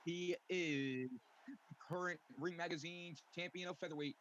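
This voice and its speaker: A man with a fairly high voice works as a boxing ring announcer. He delivers ceremonial introductions and stretches out his words. The recording is muffled and lo-fi, with faint noise behind him. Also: steady tone, moderate pace, a bit bright.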